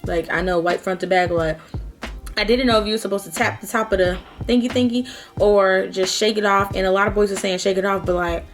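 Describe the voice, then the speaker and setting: A woman's voice: mid-range voice, fairly even intonation, a little fast. Young woman vlogging casually over music. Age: young adult. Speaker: mukbang vlogger. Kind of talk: casual chat to camera giving personal advice.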